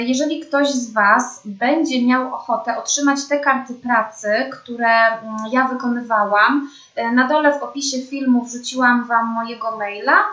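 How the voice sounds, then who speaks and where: Young woman speech therapist for a kids' lesson, slow and patient, slightly high voice, echoey muffled room. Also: pushed and bright. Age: young adult. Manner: slow, clear, patient, addressing children. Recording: dull, roomy home recording.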